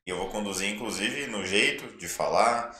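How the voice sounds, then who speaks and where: A Brazilian man co-hosting a podcast with a very deep voice that still rings bright and forceful. He sums up each point and steers the talk on to the next topic. The room echoes around him. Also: moderate pace, a little hiss or hum. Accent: Brazilian Portuguese. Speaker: nutritionist podcast co-host. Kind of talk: casual podcast discussion.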